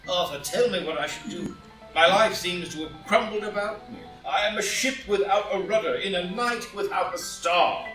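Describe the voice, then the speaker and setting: A man reads the part of a proud, tormented statesman consumed by shame, performing in a melodramatic, declamatory style at a staged play reading. His voice is high and sharp, at a moderate pace, and the mood is anguished and despairing. This live audio drama takes place indoors, captured roomily on a distant mic with music.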